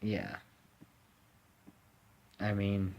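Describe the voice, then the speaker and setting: A man's voice: on the low side, sing-song, extremely slow, vocal fry, darkish tone, highs cut off. A young man from the United States giving a rambling, blunt opinion monologue, full of fillers and restarts. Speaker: vlogger.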